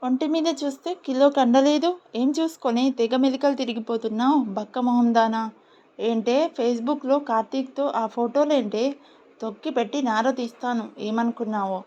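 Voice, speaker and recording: Woman storyteller doing a jealous bossy young woman, threatening, high-ish voice, muffled lo-fi sound. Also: steady tone, normal speed, natural voice. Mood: angry threats. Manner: scolding, threatening. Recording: dull lo-fi recording.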